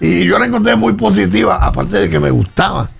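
A man, a musician guest on a radio interview, explaining his work in a relaxed way. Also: high-pitched, brisk. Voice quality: gravelly and husky.

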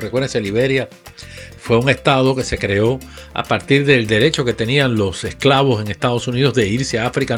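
On a radio morning show, a man with a mid-range, slightly bright voice gives opinionated news commentary. He's emphatic and speaks directly to his listeners.

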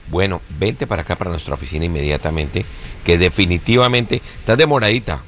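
A man giving legal advice on a radio show, with a brisk, confident and reassuring manner. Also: sits low, lively intonation, a bit bright, slight background noise. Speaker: immigration lawyer.

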